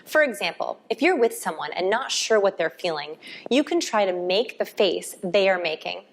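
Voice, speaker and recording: A woman's voice: medium pitch, sing-song, moderate pace. A woman instructor explaining a coaching concept in a recorded course, illustrating it with a client example.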